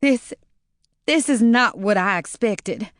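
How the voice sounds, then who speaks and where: A woman's voice: medium pitch, normal speed, a bit bright, no room sound, studio quality, close to an everyday voice. A woman narrator voicing a shaken young woman care worker who whimpers and stammers. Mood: distraught.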